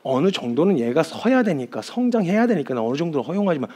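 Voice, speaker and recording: A man voicing God as a furious, protective father shouting threats with rough slang. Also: on the high side, sing-song, quick pace. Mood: menacing.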